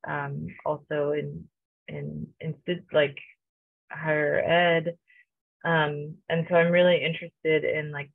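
A young Romanian woman, a co-curator, chats casually in a panel talk over a video call, her low voice gravelly and full of fillers and restarts. She sits in a home room lined with bookshelves, and the audio is dry and phone-like.

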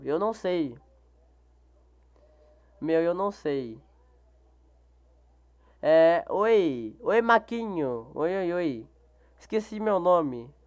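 Male, Brazilian Portuguese accent, casual gaming live stream, slow, smooth, repeats greetings to chat. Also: high-pitched, highs cut off. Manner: greets viewers by name, repeating each greeting.

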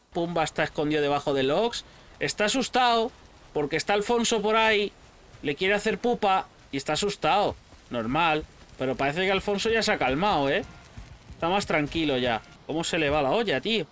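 A man with a Spain Spanish accent giving casual, excitable gameplay commentary, shouting at pets and swearing freely. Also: a little high, normal speed. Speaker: gaming channel host.

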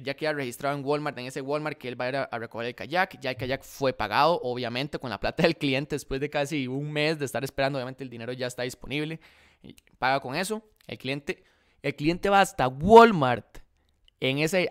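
Speaking close to a desk condenser mic in front of his face, a young Costa Rican man animatedly tells a story to camera for his casual dropshipping vlog, playing both parts of the dialogue. He has a Costa Rican Spanish accent and a mid-range, clean-toned voice, and he's indoors in a room by a large window.

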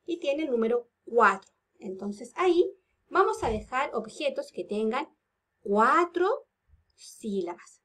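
A woman teaching kindergarteners from home, speaking in a slow sing-song and drawing words out syllable by syllable. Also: on the high side, big pitch swings, fairly bright tone. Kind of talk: remote lesson for young children.

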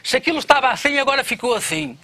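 A man telling a comic story as a guest, playful and acting out voices. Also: rapid-fire. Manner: animated, playful, acts out voices with big pitch jumps. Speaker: comedian guest. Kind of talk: comic storytelling in a radio interview.

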